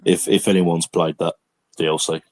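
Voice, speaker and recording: A man's voice: deep voice, level tone, normal speed, a little mellow, no room sound. A man hosting a casual podcast, chatty and often repeating words as he starts a sentence. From England. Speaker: podcast host. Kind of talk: casual chat.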